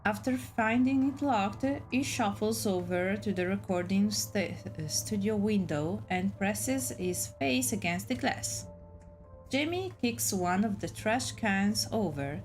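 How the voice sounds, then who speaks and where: A young woman reading a visual novel aloud in an unhurried way, stumbling on words and adding playful asides. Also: mid-range voice, poor audio. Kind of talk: casual gameplay narration with character voices.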